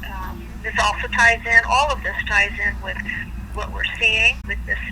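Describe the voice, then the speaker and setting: An older American woman speaking on a telephone from prison, giving an earnest statement in halting, deliberate phrases. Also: mid-range voice, fairly even intonation, pushed and bright. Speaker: imprisoned peace activist. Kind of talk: earnest spoken statement over the phone. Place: phone call from prison. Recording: noisy, harsh prison telephone line.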